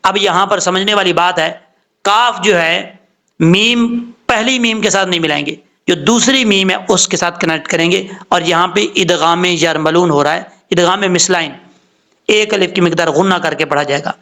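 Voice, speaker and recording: High bright-voiced man teaching recitation. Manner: explains slowly, spells out letters and drawn-out recitation. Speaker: Quran tajweed teacher. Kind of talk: recitation lesson.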